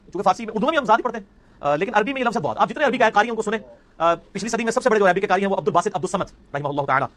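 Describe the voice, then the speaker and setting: A man teaching an online class, calling on students by name and loudly repeating sounds for them to copy. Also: high voice, expressive, very fast.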